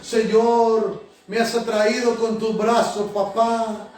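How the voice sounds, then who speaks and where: Male pastor, high-pitched, fervent prayer, heard from across a reverberant sanctuary. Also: flat delivery, slow. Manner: fervent, repeating Señor and Padre between phrases. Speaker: pastor and prophet. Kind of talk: sermon and spoken prayer. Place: church sanctuary. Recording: echoey church hall from a distance. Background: soft music.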